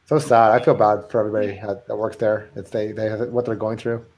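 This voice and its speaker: A man's voice: lowish voice, little pitch movement, quick pace, darkish tone. A man in his forties chatting sympathetically in a casual group video chat. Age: 40s.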